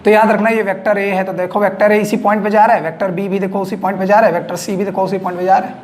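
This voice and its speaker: A male physics teacher, lecturing at a classroom board, asking checking questions and slowly dictating definitions word by word. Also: high-pitched, little pitch movement, a little mellow, slight background noise.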